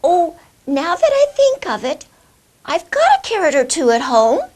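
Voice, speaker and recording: A woman voicing an eager, helpful old lady villager calling out excitedly in a folk tale. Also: extremely high pitch, a little slow, voice pushed up, full character voice. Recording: clear background hiss.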